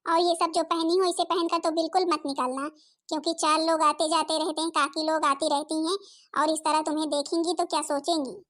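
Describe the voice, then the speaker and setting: A woman's voice: sits high, little pitch movement, a little fast, fairly bright tone. A woman playing a scolding, nagging village mother-in-law and elder sister-in-law in a family skit. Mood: bossy.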